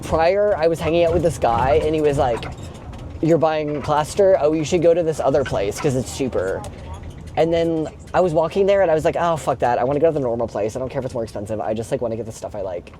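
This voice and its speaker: A fast-talking young male vlogger with a fairly high pitch and a dark tone drives a moving box truck. His talk is casual, confessional, sweary and meandering, peppered with "like." Engine and road noise are clear in the background.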